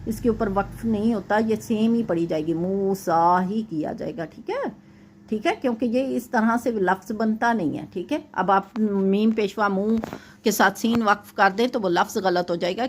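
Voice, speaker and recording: A woman's voice: mid-range voice, slight background noise. Woman tajweed teacher, patient and methodical, mid-range voice, walks a student through each rule. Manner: patient, explains step by step, often checks in with "okay"; recites verses slowly and drawn out. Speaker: Quran recitation teacher.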